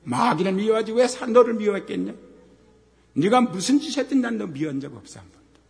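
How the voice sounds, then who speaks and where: A middle-aged man preaching a sermon as pastor, moving from quiet talk to shouted scripture and asking questions he then answers himself. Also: high-pitched, animated, a little fast, vocal fry. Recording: long hall reverb.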